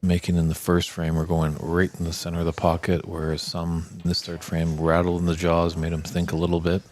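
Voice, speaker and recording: Flat, low-voiced snooker commentator. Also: male voice. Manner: measured, flat, analytical.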